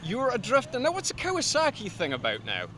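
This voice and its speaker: A man's voice: extremely high pitch, wildly swooping pitch, a little fast, slight background noise. A Scottish man hosting, chatting casually with drivers at an outdoor drift event and repeating their answers back to them. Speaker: host. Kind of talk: casual interviewing at a motorsport event.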